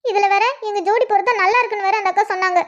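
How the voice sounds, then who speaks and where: A woman's voice: very high voice, steady tone, racing, highs cut off. A woman doing a fretful cartoon heroine. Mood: angry. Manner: fretful, talking to herself.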